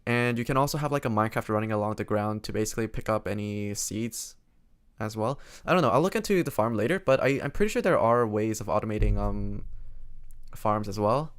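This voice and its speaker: A man streaming games, chatting casually in a quiet, low-energy way as his voice starts to go hoarse. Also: brisk. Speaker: game streamer.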